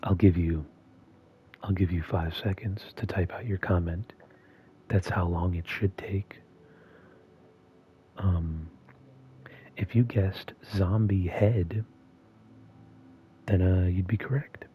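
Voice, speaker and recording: A man hosting a video in a soft-spoken, half-monotone voice that is often whispered and slightly strained. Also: deep voice, slow pace, long pauses, narrow, tinny audio, a little hiss or hum. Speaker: video host. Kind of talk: soft-spoken ASMR-style commentary.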